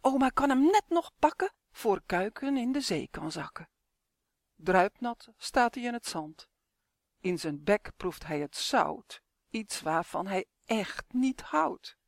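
A woman reading her own rhyming children's story aloud in a lively sing-song storytelling manner. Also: medium pitch, slow, creaky, dry recording, clean studio sound. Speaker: author and reader. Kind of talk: storybook narration.

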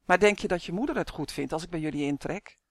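A woman reading an audiobook, voicing a spirited, cheerful little dwarf girl who talks in a bright, bossy way. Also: lowish voice, quick pace, no room sound, clean studio sound. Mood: lively, indignant. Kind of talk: audiobook character voice.

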